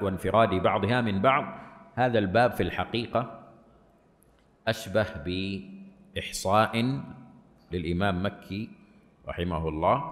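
A man giving a lecture on Quranic recitation as a sheikh. He reads a passage aloud, explains it, and keeps checking that his students follow. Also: low voice. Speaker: sheikh teaching a study course. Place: large mosque hall. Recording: echoey hall with long reverb.

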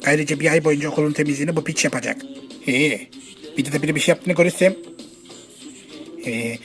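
A man voicing a stern, crude, gruff school principal in a comedy parody dub. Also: fairly high pitch, fairly even intonation, quick pace, fairly bright tone, soft background music, lightly acted. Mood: stern, threatening.

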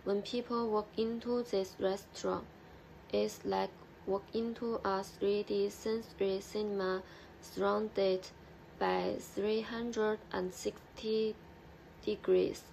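Young woman reading her class slides slow, really gravelly fry in her voice, faint room hum. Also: medium pitch, little pitch movement, a little mellow, poor audio. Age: young adult. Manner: slow, careful reading with restarts. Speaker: student presenter. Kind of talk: class presentation, read from notes.

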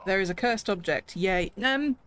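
A woman's voice: medium pitch, expressive, normal speed, fairly bright tone. A woman streamer chatting casually with friends while playing a ghost-hunting game, calling out readings and plans. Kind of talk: casual gaming chat.

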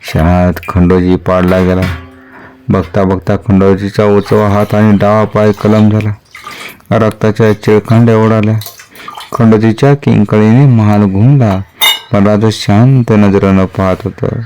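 A man narrating a historical novel in a measured, expressive storytelling manner. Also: on the low side, a little hiss or hum.

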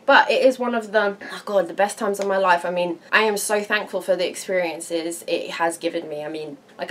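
A British woman in her thirties, a beauty vlogger chatting frankly to camera in a casual, animated and sweary way. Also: on the low side, a little hiss or hum. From England.

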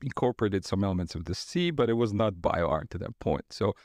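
Laid-back man, fairly low voice. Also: fairly quick, no room sound, studio quality. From Croatia. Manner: relaxed, rambling with frequent fillers and laughs. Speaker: guest artist. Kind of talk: casual interview talk. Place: studio.

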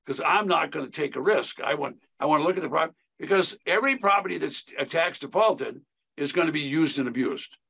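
Older guy on a video call, husky and a bit high, folksy and chatty about investing. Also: animated, brisk, pushed and bright. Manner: folksy, repetitive, emphatic. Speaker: real estate educator. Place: home office.

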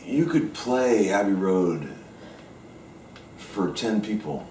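A man's voice: lowish voice, lively intonation, takes it slowly, mellow, a little hiss or hum. A man who is a guest, talking casually and frankly in a home kitchen, rambling a bit and swearing now and then. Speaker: session guitarist guest. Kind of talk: casual interview talk. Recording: roomy kitchen sound from a distant mic.

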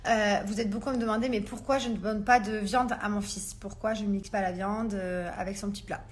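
A woman's voice: mid-range voice, fairly even intonation, a little fast. A young mother chatting casually to her followers in a phone story, rambling with lots of fillers.

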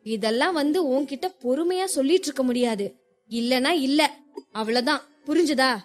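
A woman's voice: high-pitched, normal speed, soft background music, natural voice. Woman reading an angry young husband. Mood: angry, scolding. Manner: clipped, forceful scolding. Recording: long hall reverb.

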